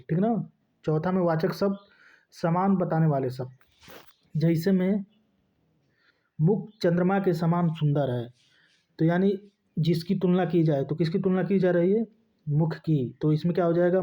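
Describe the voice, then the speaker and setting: A man teaching a grammar lesson, asking questions and answering them himself. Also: on the high side. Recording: dull lo-fi recording.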